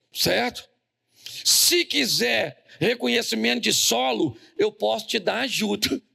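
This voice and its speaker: A man's voice: high voice, vocal fry, bright, forceful tone. A man preaching a humorous sermon as a pastor in a church, with a Brazilian Portuguese accent, joking and telling stories to the congregation. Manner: joking, storytelling, calls on the congregation. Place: church hall.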